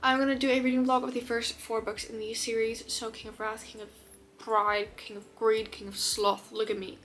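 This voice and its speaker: Chatty woman book vlogger, high-ish, gushing and excitable, in her room with faint rain outside. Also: moderate pace, a little hiss or hum. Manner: gushing, excitable, drops to whispers. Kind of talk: casual chat.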